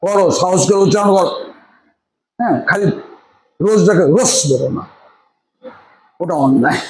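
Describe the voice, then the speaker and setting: Emphatic high-voiced male tutor. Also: normal speed, low-quality recording. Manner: emphatic, repeats words for stress, chatty asides. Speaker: English tutor. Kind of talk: informal lecture to students.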